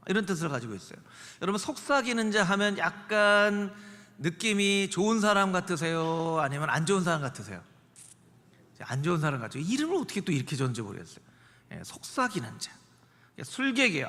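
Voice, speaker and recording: Man, pastor, sermon, high voice, lively swings in pitch, reverberant church sanctuary. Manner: animated, acts out dialogue in lowered voice.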